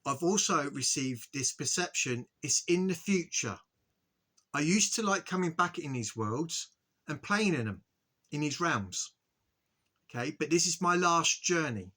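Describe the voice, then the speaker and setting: Male spiritual video host, bright tone, earnest and halting, repeated check-ins with viewers. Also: fairly high pitch, lively intonation. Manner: earnest, repetitive, frequent "okay?" check-ins; halting, restarts and stutters. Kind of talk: spiritual monologue to camera.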